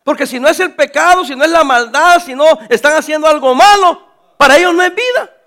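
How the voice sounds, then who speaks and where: A pastor preaching a sermon, animated, calling his listeners brothers and acting out the voices of people in his stories. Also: extremely high pitch, fairly quick. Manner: acts out quoted voices.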